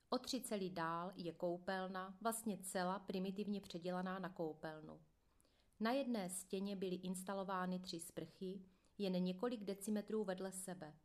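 A woman narrating a first-person prison memoir in a calm, measured audiobook reading. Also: mid-range voice.

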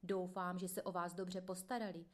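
A woman's voice: fairly low pitch, little pitch movement, natural voice. Slick fake-nice officer asking questions, lady reading it out. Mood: mock-polite. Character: smooth, falsely polite male interrogating officer.

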